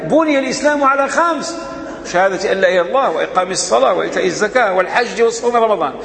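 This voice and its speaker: A man's voice: high voice, animated, rapid-fire, creaky, a bit bright. A man with a Moroccan accent giving an emphatic religious lesson, posing rhetorical questions and answering them himself. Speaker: religious teacher. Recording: echoey hall, faint background noise.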